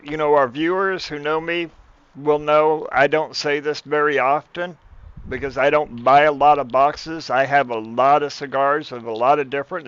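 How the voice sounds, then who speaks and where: A man's voice: on the high side, fairly bright tone, clean tone, dry recording, highs cut off. A man co-hosting a casual tasting chat, enthusiastic and often repeating words as he starts a sentence. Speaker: podcast co-host.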